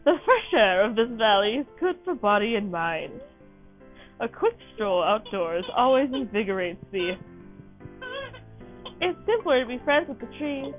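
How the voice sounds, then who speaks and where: A gentle, reclusive older man who loves the outdoors, read out by a woman during a game. His tone is calm and musing. The audio is tinny, with faint music behind. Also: fairly high pitch, a little slow.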